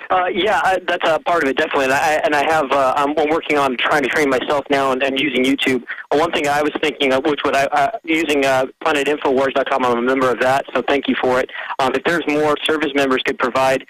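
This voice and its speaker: A male radio caller rambles along casually and hesitantly. He talks fast at a middling pitch, with a dry sound. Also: fairly even intonation, a bit bright, no echo, rough recording.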